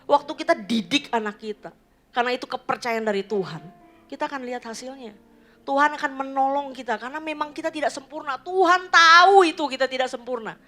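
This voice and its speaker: A woman pastor preaches in a church, telling stories straight to the congregation. Her voice is bright and forceful, with faint music underneath. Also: high-pitched, a little fast. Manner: storytelling, mixing in English phrases, addressing the congregation. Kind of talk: sermon.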